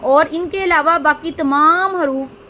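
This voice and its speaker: A woman teaching Quran reading in a slow step-by-step lesson, drawing out each letter sound and answering her own questions. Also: high-pitched, bright, forceful tone, a little hiss or hum. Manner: drills letters aloud, drawn out and stressed; asks questions then answers them herself.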